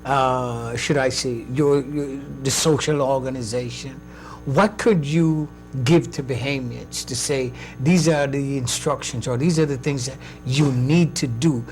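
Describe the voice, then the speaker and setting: A man hosting an interview, asking questions in a measured way with hesitant fillers. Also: mid-range voice, a little mellow, soft background music. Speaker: talk show host. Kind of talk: conversational interview.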